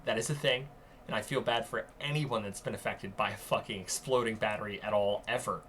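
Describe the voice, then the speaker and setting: A man co-hosting a podcast in casual chat, sarcastic and profane, with quick jokes. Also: lowish voice, fairly even intonation, a bit bright, a little hiss or hum. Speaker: podcast co-host.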